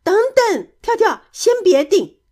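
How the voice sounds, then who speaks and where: A woman voicing a small, excitable rabbit who scolds shrilly and indignantly in a children's storybook. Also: high voice, unhurried, voice pushed up.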